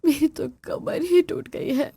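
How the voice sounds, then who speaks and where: A woman voices a worn-out elder daughter-in-law in an acted family story, sarcastic and confiding. Her voice sits fairly high and plain. The recording is dry and close. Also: steady tone, measured pace, mellow, no room sound. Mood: weary sarcastic.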